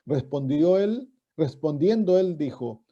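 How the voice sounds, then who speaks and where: A man's voice: a little high, expressive, takes it slowly, dark tone. A man, preaching a sermon as a pastor, reading scripture and asking his listeners questions. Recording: dull lo-fi recording.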